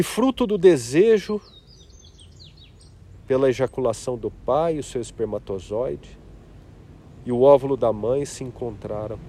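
A man guiding a meditation in an unhurried, drawn-out way. His voice is warm and mellow. He speaks softly and reflectively, with long pauses between phrases. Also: medium pitch, a little hiss or hum. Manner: slow, soft-spoken, reflective. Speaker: meditation guide. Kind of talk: guided meditation.

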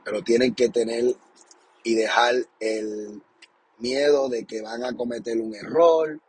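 A man's voice: mid-range voice, fairly even intonation, a little slow, breathy edge. A young adult man, hosting a podcast in a casual monologue, passionate and encouraging, often repeating his points and tagging them with a question. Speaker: podcast host.

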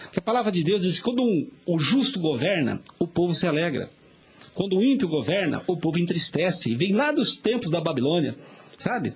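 A man's voice: high voice, very animated, fairly quick, breathy edge. A middle-aged man with a Brazilian Portuguese accent, a vice mayor and pharmacist talking as an interview guest in a chatty, folksy way with preachy asides. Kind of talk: casual interview talk.

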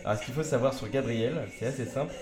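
A man's voice: mid-range voice, fast talker, a crowd in the background. A man co-hosting in casual, joking chat, laughing often. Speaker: co-host. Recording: roomy echo.

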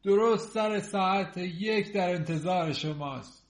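A man's voice: high-pitched, voice pushed up. A man voicing a short, pale male monk-priest who speaks formally, raising his voice and drawing the words out, recorded in an echoey room. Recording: roomy echo.

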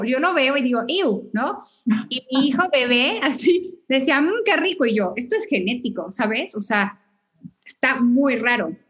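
A woman's voice: fairly high pitch, a bit bright. A woman, a guest who explains family constellations with homely analogies. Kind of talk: casual explanatory chat.

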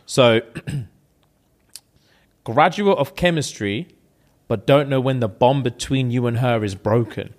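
A man's voice: medium pitch, takes it slowly, pauses often. A young man with a London roadman accent, reading out online comments in slangy, jokey casual banter. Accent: London, urban roadman slang.

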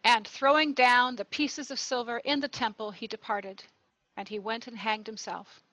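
A woman narrating a gospel reading in a church service, clear and measured. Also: fairly high pitch, fairly even intonation, a bit bright, dry recording, poor audio. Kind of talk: liturgical scripture reading.

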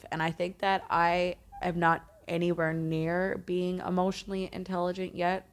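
Casting: woman podcast host, slightly low voice, earnest and reflective, casual solo talk. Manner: reflective, earnest, self-correcting.

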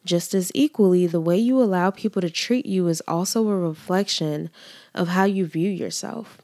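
A woman hosting a solo podcast with a congested, stuffy-nosed voice, speaking in an earnest, measured, scripted way. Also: on the low side, mellow, no echo, studio quality. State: congested from allergies, trouble breathing. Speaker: podcast host.

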